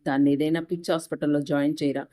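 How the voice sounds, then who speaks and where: A woman's voice: low-pitched, little pitch movement, racing, dark tone, natural voice. A woman reading a story aloud voices a sorrowful older mother-in-law who laments bitterly.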